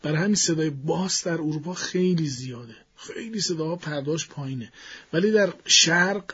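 A man being interviewed as a voice expert in a studio, explaining his views in a measured way and thinking aloud as he goes. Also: on the high side, a bit bright, husky, muffled recording. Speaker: guest voice expert.

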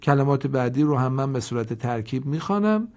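A man teaching Quran reading in a recorded lesson. He explains briskly, then chants the example words slowly and drawn out, and asks listeners to repeat after him. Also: medium pitch, lively intonation, a little mellow.

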